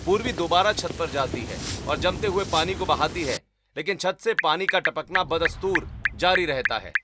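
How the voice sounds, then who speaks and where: A man's voice: on the high side, expressive, normal speed, very noisy. A man reading the scripted narration of a cartoon storybook. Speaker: narrator and voice of the drunk brother.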